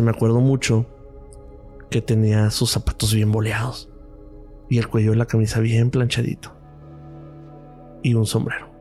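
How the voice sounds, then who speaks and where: Mellow Mexican man telling a story. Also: mid-range voice. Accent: Mexican Spanish. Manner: lively storyteller, acts out quoted dialogue. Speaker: radiologist guest. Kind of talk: podcast storytelling.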